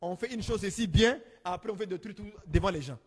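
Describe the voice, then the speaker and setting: A man preaching an exhortation, swinging between shouted rebukes and quiet asides. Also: brisk, breathy edge. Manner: exhorting, rising into shouts then dropping low. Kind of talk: sermon. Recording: long hall reverb.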